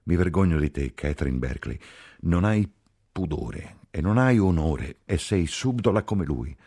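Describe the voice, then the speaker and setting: A man's voice: very deep voice, lively intonation, a little fast, a little mellow, breathy edge, no room sound, clean studio sound, full character voice. A man voicing a distraught, reproachful woman nurse in an audiobook reading. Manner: reproachful, tearful outbursts.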